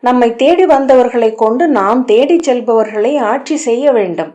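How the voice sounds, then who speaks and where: A woman reading the lines of a proud, calculating queen in an audiobook, in a measured, commanding way. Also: fairly high pitch, lively intonation, dark tone, natural voice. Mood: cool, commanding.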